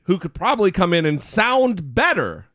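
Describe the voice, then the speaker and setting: A man's voice: sits high, big pitch swings, moderate pace, a bit bright, no echo, clean studio sound. A man hosting a podcast with casual comedic talk and brash, teasing delivery. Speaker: podcast host.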